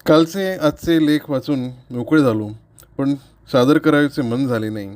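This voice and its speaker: A middle-aged man from western India narrates a personal essay at home. His voice is earnest and measured, reading each line reflectively. Now and then he stumbles over a word and starts it again. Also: a little high, a little mellow. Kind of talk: read-aloud narration.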